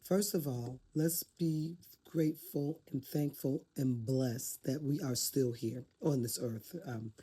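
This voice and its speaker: A woman's voice: extremely low pitch, dark tone, husky. An older woman talking to camera off the cuff, reflective and heartfelt as she shares life advice. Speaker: vlogger giving life advice. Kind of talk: casual unscripted talk to camera.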